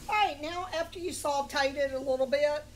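A woman's voice: high voice, a little fast. A woman with a Southern US accent gives a casual cooking tutorial in a folksy, chatty way. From southern United States. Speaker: home cook presenting recipes. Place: home kitchen, indoors. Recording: home video with faint kitchen noise.

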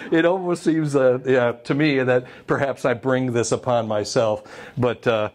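A man's voice: mid-range voice, fairly even intonation, unhurried. A middle-aged American man giving an informal, chatty history lecture into a handheld microphone, speaking through a cloth face mask. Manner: chatty, conversational with asides to the audience. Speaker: public lecturer, documentary filmmaker and historian. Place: indoor meeting room, presenting to an audience. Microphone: handheld microphone held to masked mouth.

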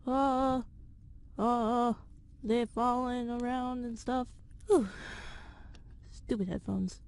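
A woman's voice: on the high side, fairly even intonation, slow pace, a little mellow. Texan woman, fan video narrator, headset mic, stumbles through her script and grumbles at herself. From Texas. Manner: stumbling, self-mocking, grumbling. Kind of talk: reading a script with outtakes.

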